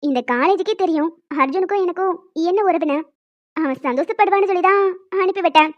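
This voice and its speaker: A woman voicing a defensive young female college student in an animated story. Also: very high-pitched, fast talker, lo-fi sound. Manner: pleading, defensive.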